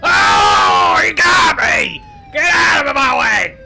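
A bossy, impatient county villain, whining out orders in a comic game roleplay. The voice is extremely high and harsh with a gravelly edge, drawling slowly at times. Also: male voice, wildly swooping pitch, bright, forceful tone, shouting, some chatter behind, a little hiss or hum, heavily acted, low-quality recording. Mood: impatient, furious. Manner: barking orders, whiny.

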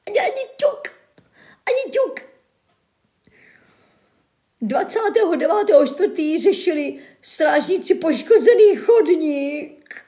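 A woman's voice: high-pitched, dark tone. A woman on a casual livestream, talking to her chat and reading local news in a sarcastic, mock-tearful, melodramatic way with sighs.

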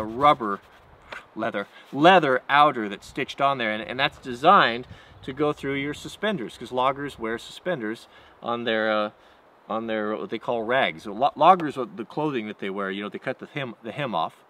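A man's voice: medium pitch, bright, forceful tone, slight background noise. A middle-aged man, a wildland firefighter, casually talking through his gear outdoors in a rambling, plainspoken way with many restarts. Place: outdoors against a red barn wall.

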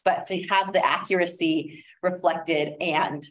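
Her lowish voice stays fairly even and moves a little slowly. At a school board meeting, this district administrator casually presents a curriculum recommendation with lots of fillers, recorded in an echoey room with the mic at a distance.

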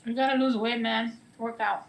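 A woman's voice: fairly high pitch, steady tone, normal speed, noisy background. A woman in a casual video chat, blunt and teasing.

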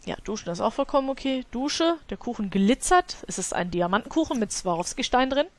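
Woman, let's play host, casual gameplay commentary, scolding and exasperated, higher voice, very animated. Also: fairly quick. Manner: animated, scolding her characters, exasperated, laughs often.

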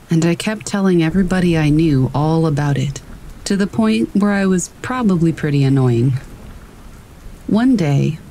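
A narrator reads scary stories in a steady, measured way, the pitch sitting right in the middle. Faint rain patters behind the voice throughout. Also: a little hiss or hum, rough recording. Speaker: narrator reading horror stories. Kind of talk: scripted storytelling narration.

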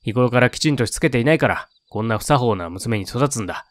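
Guy putting on a strict old-school dad, low and curt, always scolding. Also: animated, fast talker, dry recording, lightly acted. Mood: stern. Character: stern, harsh old-fashioned father.

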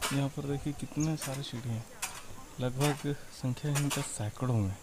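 A young man from Chhattisgarh, talking into a phone camera held at arm's length as he walks through a village and asks people quick, curious questions. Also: medium pitch, fairly even intonation, background noise. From Chhattisgarh, India. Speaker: travel vlogger. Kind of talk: casual walking vlog with interviews. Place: outdoors in a rural village.

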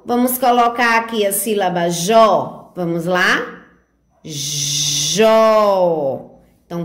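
Slow sing-song Brazilian teacher, echoey room. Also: female voice, medium pitch. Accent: Brazilian Portuguese, northeastern. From northeastern Brazil. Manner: sing-song, drawing out syllables, coaxing questions to children. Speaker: preschool teacher. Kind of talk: slow, sounded-out remote lesson for small children. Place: home or classroom recording for remote teaching.

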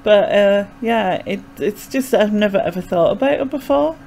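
A medium-pitched, expressive voice, gravelly and dark, moves at a moderate pace as a young woman vlogs from her small bedroom. She is from North East England with a Sunderland Mackem accent and rambles casually and hesitantly while explaining things, close to a desk mic with a pop filter.

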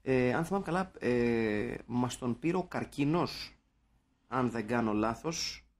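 A young man from Greece co-hosting a podcast, chatting casually with animated, jokey rants and swearing. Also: mid-range voice. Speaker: podcast co-host. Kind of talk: casual chat.

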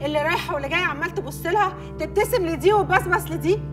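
A jealous Egyptian bride. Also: female voice, very high-pitched. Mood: angry. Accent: Egyptian Arabic. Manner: quick, emotional, sharp-tongued. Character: jealous, hot-tempered young newlywed bride. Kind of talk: film drama acting. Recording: film soundtrack music behind.

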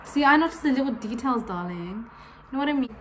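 A woman's voice: fairly high pitch, expressive, fast talker, fairly bright tone, slight background noise. An eighteen-year-old woman hosting a casual Q&A in a home kitchen, playful and giggly, talking close to the camera. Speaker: vlogger hosting a Q&A. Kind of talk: casual chat.

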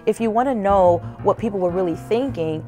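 A woman's voice: mid-range voice, fairly quick, warm tone, soft background music. A woman speaking earnestly, explaining a view of art and history. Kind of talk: spoken commentary on art and history.

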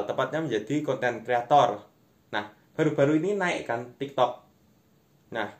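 A young man, delivering a conversational, self-deprecating stand-up monologue to camera in a room at home. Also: mid-range voice. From Indonesia. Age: young adult. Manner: conversational, self-deprecating, often addressing listeners as friends. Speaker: amateur stand-up comedian. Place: small room at home, indoors.

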